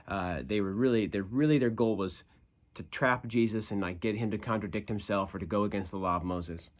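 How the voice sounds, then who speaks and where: A man gives an informal youth devotional with scripture reading, sounding like an upbeat youth pastor: casual, animated, conversational, full of slang and emphatic repetition. His voice is fairly low and his pace brisk.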